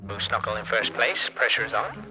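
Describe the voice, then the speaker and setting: A man's voice: on the low side, lively intonation, normal speed, loud music behind the voice, rough recording. A man voicing a pompous 1920s-style golf tournament announcer through a megaphone-like effect, as parody sports commentary. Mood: grandly excited. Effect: megaphone-like radio sound.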